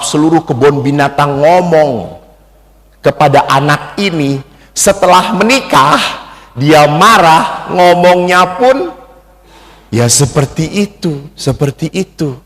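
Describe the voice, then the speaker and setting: Slow-talking priest with gravelly voice. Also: male voice, on the high side. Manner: lively storytelling, acts out quoted voices. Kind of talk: seminar sermon with anecdotes. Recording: echoey hall.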